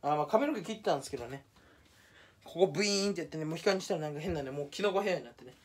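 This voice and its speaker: A young male YouTuber rambles to camera in a solo vlog, self-mocking and racing along in a fairly high, animated voice. For fun, he slips into a mock Kansai dialect.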